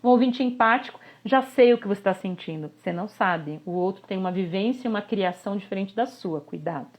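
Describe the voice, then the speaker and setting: A woman, a communication coach giving a live online workshop, animated and constantly checking in with her listeners. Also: medium pitch, brisk. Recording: slightly dull lo-fi audio.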